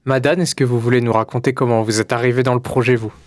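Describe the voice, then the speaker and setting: A man hosting a radio interview in the studio, asking his guests questions in a brisk, friendly way. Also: medium pitch, fairly even intonation, dry recording. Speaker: radio host.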